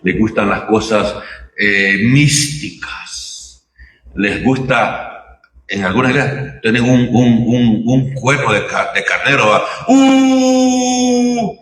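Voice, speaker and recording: A man's voice: on the low side, slow, fairly bright tone, reverberant, far from the mic. A man preaching a sermon in a conversational way, often asking his listeners "right?" and "you understand?". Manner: conversational preaching, many rhetorical tag questions. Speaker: pastor.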